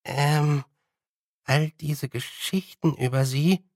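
A man's voice: on the high side, slow, darkish tone, no room sound, studio quality. A man reading an audiobook voices a nervous, honest young witch girl who hesitates a lot. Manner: hesitant, with many fillers.

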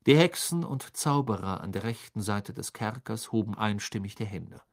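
An audiobook narrator reads a storybook in an even, measured way. The voice sits at a middle pitch and stays steady from one sentence to the next.

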